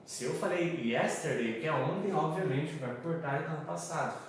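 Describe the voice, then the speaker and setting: A man teaching English brings a brisk pace and a slightly high voice to his slide-based lesson. His chatty manner includes a Brazilian Portuguese accent, frequent check-ins and repeated "galera" and "tá?". The audio is echoey and distant, his voice off-mic, with faint background noise.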